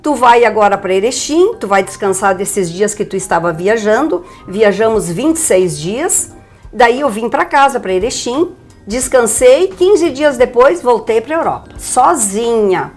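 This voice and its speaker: A woman's voice: on the high side, unhurried, faint music behind. An older woman from Brazil, telling her story with energy as a guest on a TV interview. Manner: lively, animated storyteller.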